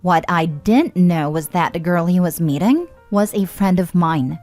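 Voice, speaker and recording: Lower-voiced woman narrating forum stories. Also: a little slow, a little mellow, soft background music. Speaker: story narrator.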